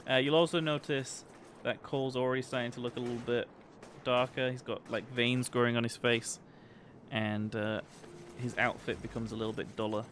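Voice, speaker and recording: A man's voice: mid-range voice, a bit bright. Man casually commentating over game noise. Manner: chatty, explanatory. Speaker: video game streamer. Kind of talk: casual livestream gameplay commentary. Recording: game ambience noise behind voice. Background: video game ambience.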